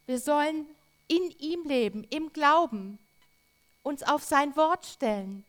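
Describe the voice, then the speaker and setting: A woman preaching a sermon, earnest and emphatic, with drawn-out repetitions. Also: high-pitched, expressive.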